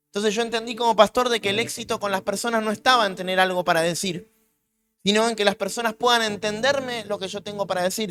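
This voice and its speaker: A man's voice: high-pitched, pushed and bright, clear, resonant tone. A man preaching as a pastor with a Rioplatense Spanish accent, emphatic and repetitive in his sermon.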